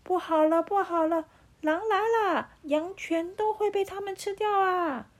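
A woman voicing a mischievous young shepherd boy who shouts in alarm, in a bedtime storybook reading. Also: very high voice, a little slow, voice pushed up. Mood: alarmed shouting.

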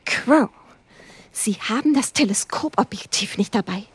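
A woman voicing a hot-tempered man who speaks in a loud, sharp, urgent way. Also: fairly high pitch, expressive, measured pace, husky, heavily acted. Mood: furious.

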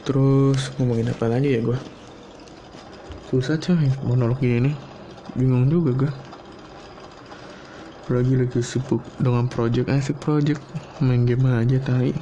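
A man rambles through a casual solo monologue, loose and sprinkled with swearing. His voice is mellow and sits at a middle pitch. A faint noise hums behind him in a home room. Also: steady tone, a little slow, pauses often, lo-fi sound. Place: home room, not a studio.

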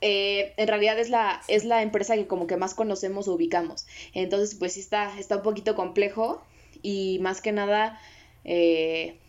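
A woman's voice: medium pitch, fairly even intonation, moderate pace, lo-fi sound. A woman with a Mexican accent, co-hosting a casual discussion and rambling with fillers and restarts. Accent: Mexican Spanish. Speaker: podcast co-host.

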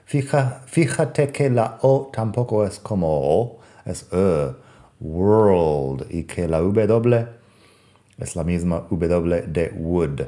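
A man's voice: deep voice, expressive, slow, dark tone. A man teaching English pronunciation in a podcast lesson. He is a native English speaker and repeats each English word to model how it sounds.

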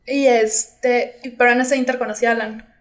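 A woman's voice: a little high, moderate pace, reverberant. A young woman with a Mexican accent, casually telling a story on a podcast and acting out the lines she quotes. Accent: Mexican Spanish. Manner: animated, slangy, acts out quoted lines. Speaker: podcast co-host.

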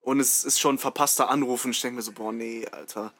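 A man's voice: medium pitch, level tone, fast talker, fairly bright tone. A young man hosting a podcast, telling rambling school stories in casual, slang-filled chat. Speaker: podcast host.

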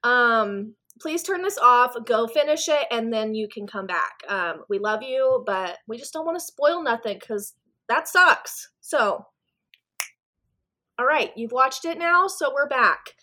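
A young woman with a fairly high voice co-hosts a casual podcast. She is chatty, laughs a lot and swears offhandedly. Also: animated, a little slow, pushed and bright. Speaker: podcast co-host.

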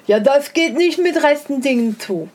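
Woman narrator doing a loud, sneering storybook hare, arrogant and boastful. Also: high-pitched, expressive, moderate pace. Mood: eager. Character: haughty mocking male hare, proud of his long legs.

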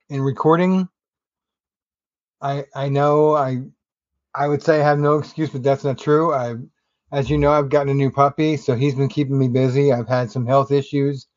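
A man's voice: fairly high pitch, no room sound, lo-fi sound. A man hosting a solo podcast, talking in a casual, rambling, conversational way with wry asides. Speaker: podcast host.

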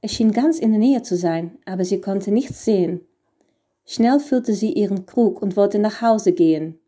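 A woman narrating a children's storybook in an even, gentle reading. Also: mid-range voice, a little slow.

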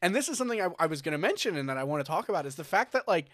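A man's voice: on the high side, sing-song, very fast, fairly bright tone, no echo, clean studio sound. A man co-hosting a casual chat show, rambling with lots of fillers and restarts as he reads out figures. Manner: rambling, many fillers and restarts, reading numbers. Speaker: podcast co-host.

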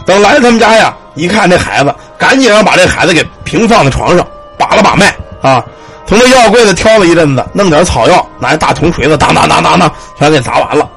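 A man telling a ghost story, animated, with shouted cries and sound words. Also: high voice, fast talker, soft background music.

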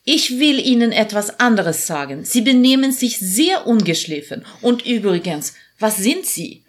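Guy doing a snooty young lady voice, shrill high falsetto, sneering. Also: big pitch swings, measured pace, heavily acted. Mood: scornful. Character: haughty young woman, a professor's snobbish daughter.

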